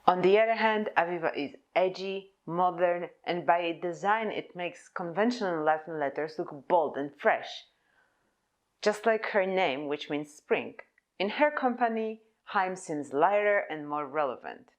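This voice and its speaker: The audio is dull as a young Polish woman delivers a prepared English-language conference talk on her type design. Her voice is somewhat low, and she speaks in a measured, deliberate manner, seemingly reading from notes.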